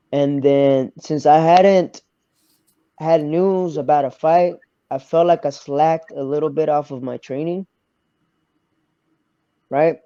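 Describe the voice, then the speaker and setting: A young man from Arkansas, a fighter answering interview questions quietly, pausing to search for words. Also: fairly high pitch, no room sound, highs cut off. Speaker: MMA fighter, guest. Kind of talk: casual interview.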